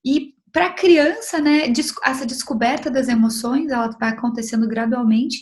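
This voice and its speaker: Brazilian woman, young adult, a child psychologist giving an online lecture to mothers; gentle advising delivery with frequent tag questions, voice pitched a bit high. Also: normal speed. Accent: Brazilian Portuguese.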